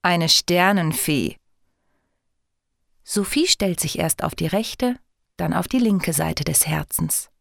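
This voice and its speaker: A woman narrating a children's story in a calm, gentle, unhurried way. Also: fairly low pitch, creaky, no room sound, studio quality.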